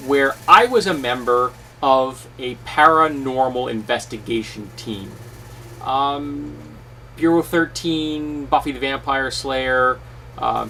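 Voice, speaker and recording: Bright-voiced man vlogging over fan noise. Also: mid-range voice. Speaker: YouTube host. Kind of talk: casual talk to camera about tabletop role-playing. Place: at home, on camera. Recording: distant mic, steady fan noise. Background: whirring fan noise.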